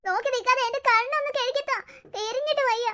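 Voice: very high-pitched, expressive, racing, sharp tone, heavily acted. A voice actor playing a scheming, scolding old grandmother in a cartoon story, nagging and sarcastic. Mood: wailing. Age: older. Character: scheming, scolding old grandmother who hates the adopted boy.

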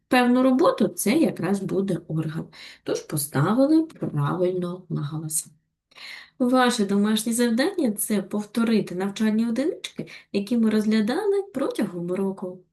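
A woman with a Ukrainian accent giving a recorded lesson to young schoolchildren, explaining patiently and clearly. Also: mid-range voice, animated, moderate pace, dark tone. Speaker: primary school teacher. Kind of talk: recorded video lesson for children.

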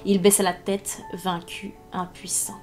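A woman narrating a classic French novel in a measured storytelling voice, in a live reading. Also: lowish voice, level tone, a little mellow, faint music behind. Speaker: reader.

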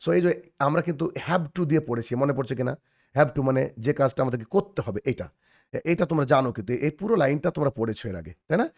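Gravelly-voiced man teaching children online. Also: mid-range voice, expressive, brisk, darkish tone. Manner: patient, repeats phrases and checks understanding. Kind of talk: online children's English lesson.

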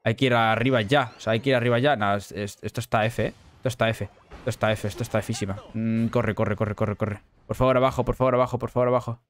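A young man from Spain giving excitable live gameplay commentary, swinging between low muttering and sudden shouts. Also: fast. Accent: Spain Spanish. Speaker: gaming YouTuber.

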